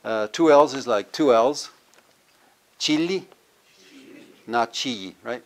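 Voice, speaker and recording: A man's voice: mid-range voice, normal speed. Older man lecturing, drilling pronunciation. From California. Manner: drills pronunciation, quizzing the audience, switching into Spanish. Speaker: university professor teaching Nahuatl. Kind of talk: classroom lecture with audience questions. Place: cultural center lecture room.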